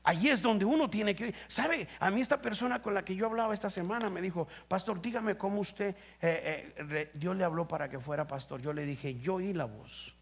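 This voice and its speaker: A man preaching a sermon as pastor, swinging between loud emphatic bursts and low quiet stretches, asking the congregation questions. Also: a little fast, vocal fry, hardly any pauses. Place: church. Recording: live stream.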